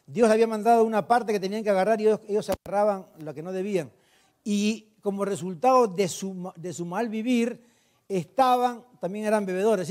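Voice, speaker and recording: A pastor preaching a sermon, retelling scripture and putting questions to his congregation, then answering them himself. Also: high voice. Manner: retells scripture with emphatic, animated delivery.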